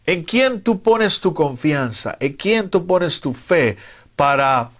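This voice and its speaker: A man's voice: a little high, lively intonation, slow pace. A man preaching a sermon in a fervent, emphatic way, with some hesitant fillers between his points. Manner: fervent, rising to loud emphatic retellings.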